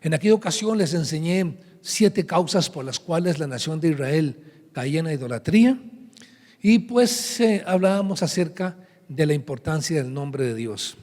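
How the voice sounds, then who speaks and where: Pastor preaching in a reverberant church. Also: male voice, on the high side, expressive, moderate pace, a little mellow. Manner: teaching, reading scripture aloud to a congregation. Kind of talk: sermon. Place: large church hall. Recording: live church recording with long reverb.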